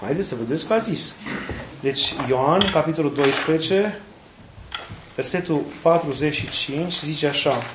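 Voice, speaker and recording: A man preaches a sermon in a fairly high voice, retelling scripture with folksy, animated asides. The sound is roomy and echoey, as in a church, with a faint hiss of background noise underneath. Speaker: Orthodox preacher.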